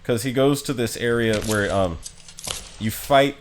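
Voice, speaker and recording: Over game music and some background noise, a man streams a video game and offers casual let's-play commentary, loosely explaining what's happening in an offhand way. His voice is mid-range and his pace measured.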